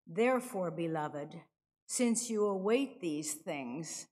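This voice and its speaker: An older woman reading scripture solemnly as a lector at a lectern microphone in a large church. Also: mid-range voice. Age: older, 60s or 70s. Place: large stone church, indoors. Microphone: gooseneck lectern microphone. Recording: long echoing church reverb.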